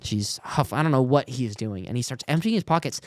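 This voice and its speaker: A man's voice: mid-range voice, brisk, dry recording, studio quality. A young man, a worship leader on a podcast as a guest, telling a story casually and acting out the voices of the people in it. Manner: animated, acts out the quoted voices.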